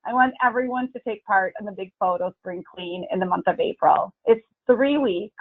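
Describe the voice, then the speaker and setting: A woman's voice: medium pitch, normal speed. A woman hosts a team call and urges everyone to join in, earnest and frank in an upbeat way. Her voice comes through a thin, tinny phone line. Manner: earnest, blunt, upbeat urging. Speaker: team leader hosting a meeting call. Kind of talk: encouraging team talk.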